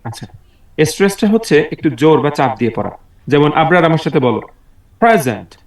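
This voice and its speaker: Over a video call, a man teaches an online English class, patiently and encouragingly drilling words aloud. His voice sits on the high side with lively intonation and a fairly quick pace. The audio is roomy and distant.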